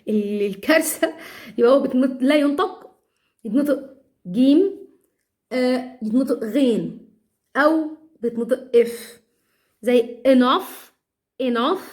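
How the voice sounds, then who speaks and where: Egyptian woman, slightly high-pitched, chatty teacher drilling English phonics. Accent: Egyptian Arabic. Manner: chatty, repeats example words slowly. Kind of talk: phonics lesson.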